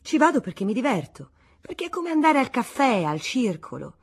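A woman's voice: on the high side, big pitch swings, normal speed, breathy edge, pitched above the performer's own voice, full character voice. A woman reading the lines of a vain, carefree young aristocratic husband in an audiobook, in a breezy, dismissive manner.

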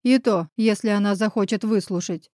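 A woman reading the lines of a protective man who growls at his rival and tenderly comforts the heroine, with a gruff, commanding delivery. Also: medium pitch, moderate pace, a little mellow, no echo, studio quality, close to an everyday voice. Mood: protective stern.

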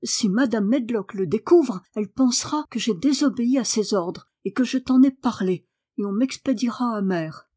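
A woman's voice: on the high side, normal speed, dark tone, lightly acted. A woman voicing a fretful young housemaid, worried and pleading.

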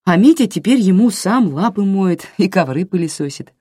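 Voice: medium pitch, expressive, moderate pace, warm tone, breathy edge, no room sound, studio quality, pitched above the performer's own voice. An audiobook reader voicing a confident young woman volunteer who speaks matter-of-factly.

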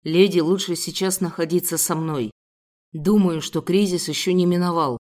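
A commanding male ruler from a fantasy audiobook, as a woman narrator puts him on. He speaks lower than the narrator's own voice, stern and insistent but caring underneath. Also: fairly even intonation, moderate pace, darkish tone, close to an everyday voice. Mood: gently. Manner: insistent, urgent calling.

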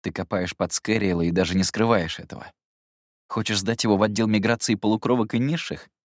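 A brusque, menacing young man, as a male audiobook reader puts him on, speaks low and clipped with a very deep voice. Every jab comes out as a hushed warning. The recording is dry and close. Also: steady tone, brisk, no echo, lightly acted. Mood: tense, scornful.

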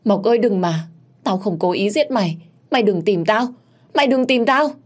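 A woman's voice: fairly low pitch, measured pace, a little mellow, husky, pitched above the performer's own voice. Woman voicing a scared guilty lady stammering, shrieky panic, storybook. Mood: terrified. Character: frightened guilty scheming woman, middle-aged.

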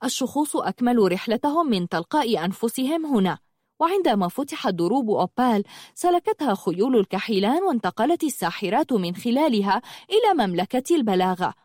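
A woman reading a fantasy novel aloud in a measured, dramatic manner. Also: a little high, big pitch swings, a little mellow, no room sound, clean studio sound. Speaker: audiobook narrator. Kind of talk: scripted narration of a novel.

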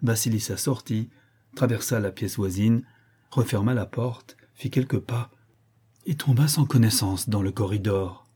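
A man narrating a novel as an audiobook in a measured, even manner. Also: fairly low pitch, slightly rough.

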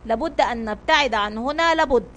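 A woman voicing a brave male sea captain who shouts commands in a children's storybook reading. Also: a little high, quick pace, natural voice. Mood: urgent.

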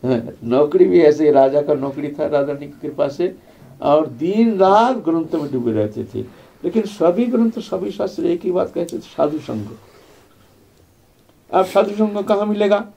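An older man giving a devotional spiritual discourse, telling his life story in a reflective way with repeated phrases and soft trailing fillers. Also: fairly high pitch, lively intonation, normal speed, vocal fry. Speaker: spiritual speaker.

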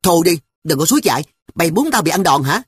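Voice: medium pitch, big pitch swings, quick pace, breathy edge, no room sound, voice pushed up. A storyteller voicing a young boy who whispers secrets and talks back defensively. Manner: conspiratorial, defensive. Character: young boy, the older brother, bluffing. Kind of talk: audiobook character voice.

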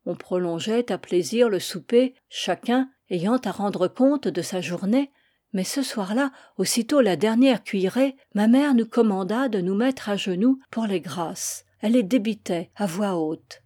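Audiobook narrator, woman, mellow and measured, classic prose. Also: mid-range voice, no echo, clean studio sound. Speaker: audiobook reader.

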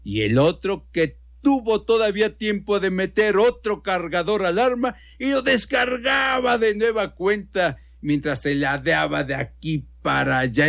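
A man's voice: sits high, gravelly, fairly bright tone, no echo, studio quality. A man with a Mexican accent reading a story for radio in a folksy, conversational way.

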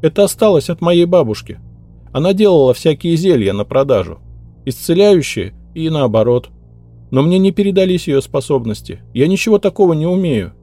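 A man voicing a frightened young female maid who pleads and makes excuses in a rushed, tearful way. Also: fairly high pitch, animated, dark tone, soft background music, pitched above the performer's own voice. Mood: pleading.

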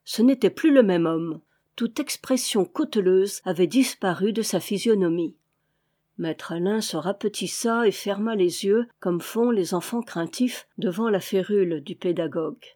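A woman's voice: medium pitch, moderate pace, warm tone. Woman reading a classic novel aloud. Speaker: audiobook reader. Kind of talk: scripted literary narration.

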